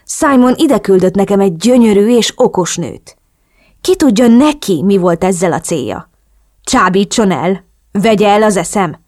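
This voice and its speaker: A woman's voice: medium pitch, lively intonation, darkish tone, natural voice. A woman reading a cold cartel boss. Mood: cool, measured. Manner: cool, measured, blunt. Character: cold, calculating man, drug cartel boss. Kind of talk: audiobook character reading.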